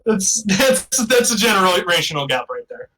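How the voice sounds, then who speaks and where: High, bright-voiced man joking around. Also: big pitch swings, moderate pace, low-quality recording. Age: 30s. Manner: rambling, joking, self-mocking. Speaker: podcast co-host. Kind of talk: casual comedic banter.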